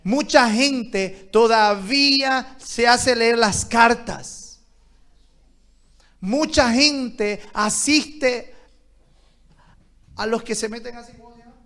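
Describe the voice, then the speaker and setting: A man preaching a sermon as pastor, calling on the congregation to answer and swinging between loud exhortation and quiet asides. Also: extremely high pitch, takes it slowly, pauses often. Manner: calls on the congregation to answer aloud.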